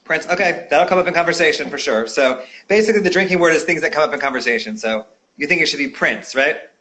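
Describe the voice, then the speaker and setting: A man's voice: a little high, fast, pushed and bright. A man hosting a casual video-call interview, chatty and playful with many fillers. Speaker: podcast host.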